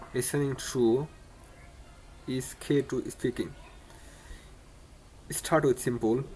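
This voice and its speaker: On his own channel, a medium-pitched man gives a casual beginner English lesson. His delivery is flat with little rise or fall, and he's repetitive, stumbling and restarting often. Faint noise runs under the recording.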